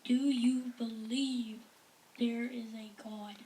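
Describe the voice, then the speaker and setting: A woman voicing a humble, earnest male missionary sock puppet with halting, deliberate delivery in an amateur show. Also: on the high side, steady tone, warm tone. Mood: solemn. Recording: distant mic with faint noise.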